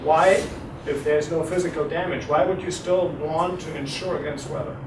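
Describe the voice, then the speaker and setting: A middle-aged guest lecturer with a German accent, whose voice is fairly high and at normal speed, gives a university talk and takes audience questions. Hesitant and chatty in a relaxed way, he fills pauses often and quizzes his listeners. The recording is distant, echoey and noisy.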